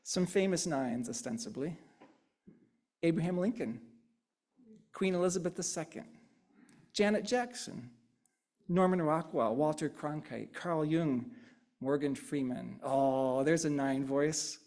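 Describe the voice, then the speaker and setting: With a medium-pitched, slightly mellow voice, this speaker leads an interactive sermon at a measured pace, pausing often. The talk is conversational, tagged with "right?", and the congregation's responses get echoed back, repeated and riffed on.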